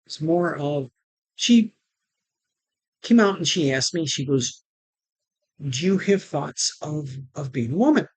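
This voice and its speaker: A woman vlogger telling her personal story to camera, halting, with restarts, and retelling conversations line by line. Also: low voice, animated, husky, no room sound. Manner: retells conversations with "she goes" and "I'm like".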